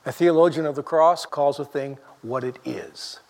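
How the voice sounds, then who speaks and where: A man preaching a sermon in a lively, conversational way, full of rhetorical questions to the congregation. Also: fairly high pitch, moderate pace, gravelly, in a large hall.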